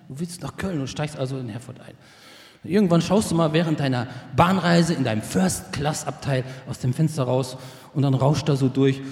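A man's voice: medium pitch, darkish tone. A man preaching a sermon in in a conversational way, often tagging "ne?" and building to raised, emphatic passages. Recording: echoey hall with long reverb.

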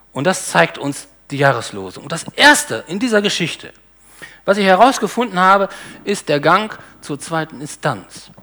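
A man with a high voice delivers a sermon from the pulpit. He asks the congregation rhetorical questions and drops into low, muttered asides between his emphatic lines. His high register carries his strongest points. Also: fairly bright tone. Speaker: preacher.

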